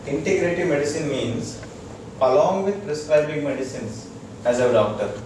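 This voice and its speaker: His voice is fairly high, and he has an Indian accent. As a doctor giving a casual wellness lecture, he explains haltingly to a small group and checks that they understand. The recording is very echoey and noisy, with the microphone placed far from him.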